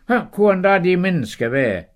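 A man's voice: high-pitched, pitched above the performer's own voice. A man doing eager old Abraham. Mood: amazed. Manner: excited, warm welcoming.

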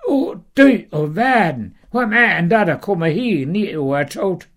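A man voicing Abraham, an eager, hospitable old man, speaking excitedly. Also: high voice, voice pushed up. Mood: amazed. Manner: excited, warm welcoming.

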